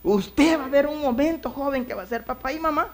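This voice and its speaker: A pastor preaching an evangelical sermon, swinging between loud exclamations and low asides. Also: fairly quick.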